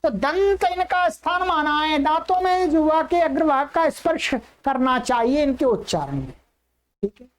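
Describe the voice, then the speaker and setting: A woman teaching an online class, patiently repeating each sound slowly for her learners. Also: high-pitched, expressive. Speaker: Sanskrit teacher.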